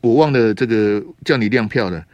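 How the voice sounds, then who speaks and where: A man hosting a call-in radio talk show, teasing and grilling his caller with rapid-fire questions. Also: lowish voice, a little mellow, no room sound. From Taiwan.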